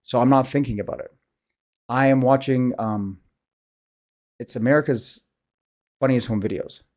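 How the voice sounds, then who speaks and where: A man's voice: medium pitch, normal speed, a little mellow. A man in his thirties talking candidly to camera in a casual, rambling monologue, sighing often. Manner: candid, rambling, self-deprecating, sighs often. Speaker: vlogger.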